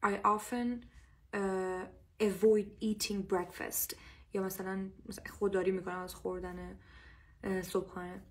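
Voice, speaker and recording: Brief lively Persian-accented woman, casual English teacher on a livestream, slow drilled repetitions. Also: mid-range voice. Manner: lively, drills English phrases slowly and repeats them.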